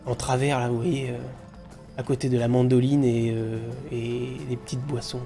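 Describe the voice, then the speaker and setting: A man's voice: mid-range voice, flat delivery, normal speed, warm tone, soft background music. A man hosting a game video, chatting, joking and thinking aloud as he plays. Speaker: let's play host. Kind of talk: casual gameplay commentary.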